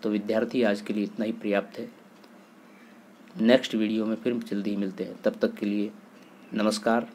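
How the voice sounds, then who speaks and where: A man's voice: fairly low pitch, a little fast, long pauses, slight background noise. A man teaching a Hindi grammar lesson to students, reciting word pairs methodically and stressing key points. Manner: steady, methodical recitation with emphatic explanations.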